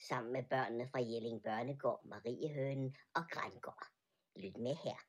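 A man's voice: mid-range voice, voice pushed up, close to an everyday voice. A man voicing an agreeable male teddy bear who introduces a children's audiobook.

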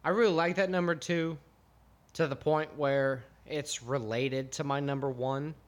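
A man's voice: on the high side, steady tone, measured pace. An American man co-hosting a podcast, chatting casually with enthusiastic, rambling jokes. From United States. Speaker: podcast co-host.

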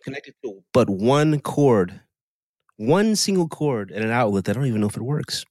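A man's voice: medium pitch, lively intonation, moderate pace, a little mellow, dry recording, clean studio sound. A man co-hosting a casual podcast in a playful, jokey way, recording in a guest room while lying on the floor with a handheld mic. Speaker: podcast co-host. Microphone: handheld mic through a phone.

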